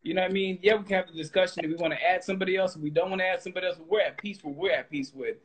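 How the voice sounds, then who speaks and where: A man's voice: high-pitched, fairly even intonation, racing, husky. A man, hosting a casual interview and talking loosely, often repeating words as he starts. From Texas. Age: 30s. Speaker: host.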